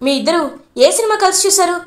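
An eager young man in a retold serial, pressing and quick, as a woman narrator acts him out. The voice rises high. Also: expressive. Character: eager young man questioning his mother.

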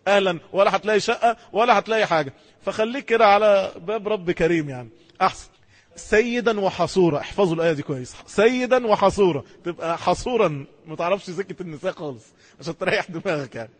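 A man preaching an Islamic sermon in an Egyptian Arabic accent, telling stories with rapid, impassioned delivery and sudden emphatic rises. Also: high-pitched, in a large hall.

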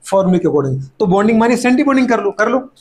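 A man's voice: high voice, sing-song. A middle-aged man teaching chemistry to a class, firing off rhetorical questions and playfully scolding students, sometimes voicing their replies. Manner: fast repeated catchphrases and rhetorical questions. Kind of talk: classroom lecture.

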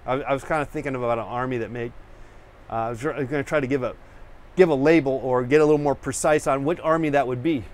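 A man's voice: medium pitch, fairly even intonation, quick pace. A man hosting his own painting show, chatting casually to camera in a rambling way, full of fillers and restarts, searching for words and wired on coffee. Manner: self-searching, hunts for words; rousing, pep-talk delivery. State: over-caffeinated.

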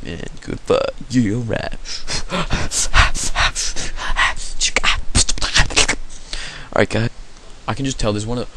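A man on a headset giving live gameplay commentary, excitable and swearing as he shouts at the game. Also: lowish voice, a little hiss or hum. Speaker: gaming video host.

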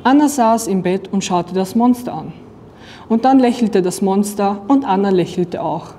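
Mellow-voiced young woman reading a storybook. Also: medium pitch, animated, normal speed, slight background noise. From Austria. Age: young adult. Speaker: student reading aloud. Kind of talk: reading a picture book aloud.

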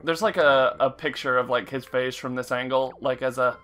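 A man's voice: medium pitch, steady tone, normal speed, fairly bright tone. A young man co-hosting a gaming video, chatting casually as he plays. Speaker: gaming video co-host and player. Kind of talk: casual let's-play chat. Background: game music.

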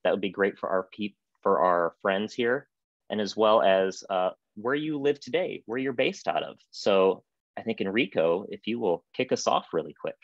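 An upbeat, chatty man in his thirties moderates a video-call panel from home, his voice sitting on the low side. The sound is dry and dull, typical of a video call through earbuds. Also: expressive, moderate pace, dry recording. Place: home room with piano.

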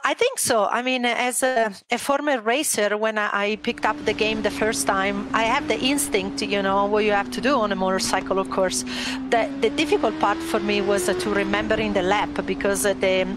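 A woman from Italy with an Italian accent, a former motocross racer answering interview questions in English, with pauses as she searches for words. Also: medium pitch.

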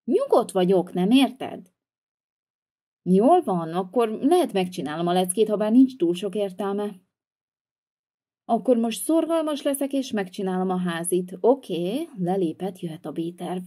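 A woman's voice: mid-range voice, animated, mellow, natural voice. A woman voicing a sulky, hot-tempered young boy in a toy-figure video, whiny and defiant.

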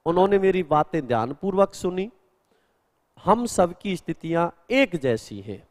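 A man's voice: high voice, very animated, a little slow, in a large hall. A male Hindi grammar teacher in a live exam-prep class, explaining answers step by step and answering students' questions.

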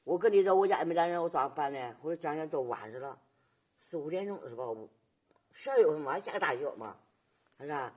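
A woman, recounting her memories in halting, repetitive testimony and often asking her listener whether they follow. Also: low voice, animated, darkish tone, husky. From Nanjing, China. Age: 80s. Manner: halting, repetitive storytelling with frequent tag questions. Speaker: survivor giving testimony. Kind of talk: oral history testimony.

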